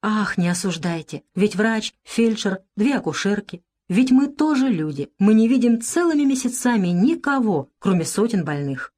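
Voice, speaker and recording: A woman voicing a flustered young male country doctor in a storybook reading, speaking in an excited, raised voice. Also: medium pitch, normal speed, few pauses. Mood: pleading.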